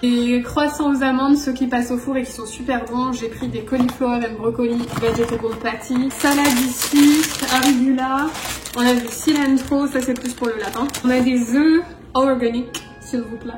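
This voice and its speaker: Woman from France, casual vlogger, fairly high voice, phone mic in a roomy echo with music under it. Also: steady tone, normal speed, recorded from a distance. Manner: chatty, showing groceries to camera. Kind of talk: casual vlog chat. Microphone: phone camera.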